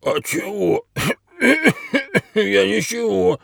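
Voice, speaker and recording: Brief: man doing a cowardly stray dog for a fairy tale, gruff and coughing, pitched up. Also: sing-song, very slow, a bit bright, no room sound, clean studio sound, heavily acted. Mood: flustered. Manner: growling, then flustered muttering. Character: hungry male stray dog, sly and cowardly.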